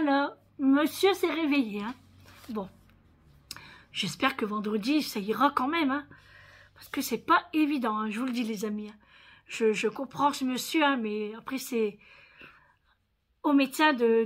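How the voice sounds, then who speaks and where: A tired woman chatting casually in her vlog, with a northern French accent and lots of fillers and little tags. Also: on the high side. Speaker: vlogger. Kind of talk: casual chat.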